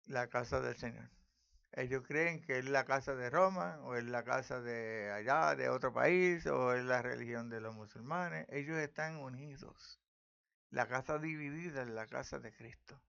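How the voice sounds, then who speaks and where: A man preaching on scripture in a fiery, challenging way that rises into loud declarations. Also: medium pitch, vocal fry, muffled recording. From Puerto Rico.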